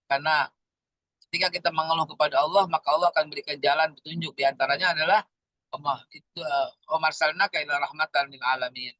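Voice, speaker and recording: A man preaching in an animated, slangy way with speech, firing off rhetorical questions. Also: fairly high pitch, fast talker, no echo, highs cut off. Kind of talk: sermon.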